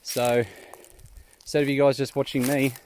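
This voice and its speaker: A New South Wales vlogger who explores abandoned mines chats to viewers in the bush in an easygoing, slangy, self-deprecating way. His mid-range voice has little pitch movement and a darkish tone, and it moves at a moderate pace. A faint hiss or hum can be heard.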